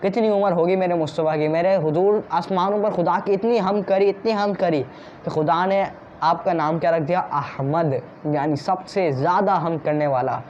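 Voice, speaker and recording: A man's voice: sits high, moderate pace, darkish tone, lo-fi sound, slight background noise. A man preaching a devotional sermon with fervour, using rhetorical questions to stir his listeners. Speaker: Islamic preacher.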